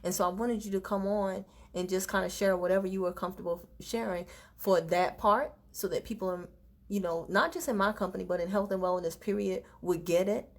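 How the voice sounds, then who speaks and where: A woman's voice: mid-range voice, steady tone, a little fast. A woman hosting a live stream, asking a guest questions in a casual interview.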